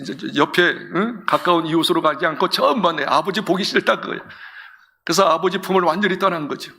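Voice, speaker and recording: A man's voice: sits high, a little fast, creaky, pushed and bright. A male senior pastor giving an emphatic sermon and asking his congregation many rhetorical questions.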